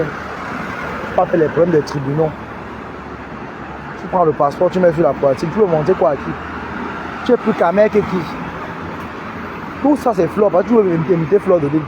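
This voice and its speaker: A man with a high voice teases and scolds someone head-on in a mocking commentary. He speaks outdoors, and wind buffets the mic while street sound runs underneath. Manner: teasing, scolding, talks straight at the person. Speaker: online commentator. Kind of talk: mocking direct-address commentary.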